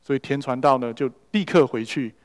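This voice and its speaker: A pastor preaches a sermon in a church hall, telling stories and slipping English words into his speech. His mid-range voice moves a little fast, and the large hall gives a long reverb.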